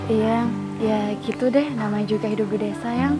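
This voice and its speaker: An actress playing a poor, meek wife who speaks softly and apologetically to her husband in a web drama. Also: medium pitch, brisk, music in the background, natural voice. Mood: gentle. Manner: soft, apologetic.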